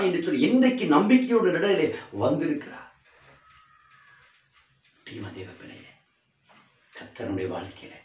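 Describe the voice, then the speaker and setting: A man's voice: mid-range voice, distant mic, highs cut off. Fervent man preaching in an echoey room. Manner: rising to loud fervent calls, then dropping to soft near-whispers. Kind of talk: sermon.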